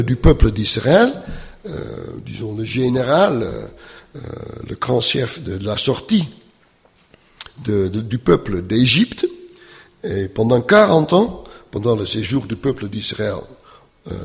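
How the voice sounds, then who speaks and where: In a gravelly mid-range voice that rises and falls a good deal, a non-native speaker, whose first language isn't French, gives a slow, halting lecture on scripture, often saying "euh" and using tag questions. A long reverb lingers behind him, suggesting a big hall.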